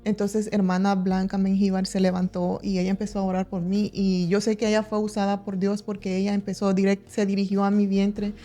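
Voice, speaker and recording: A young woman telling her personal faith testimony on a church podcast, earnest and halting, often restarting her sentences. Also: mid-range voice, flat delivery, warm tone, faint music behind. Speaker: church member giving testimony.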